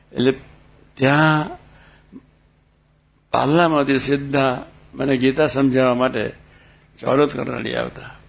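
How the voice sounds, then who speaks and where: A man's voice: medium pitch, gravelly. A man telling personal stories in a sermon, acting out dialogue and asking the listeners questions. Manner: tells anecdotes with quoted dialogue and asks the audience questions. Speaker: religious speaker. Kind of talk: storytelling sermon.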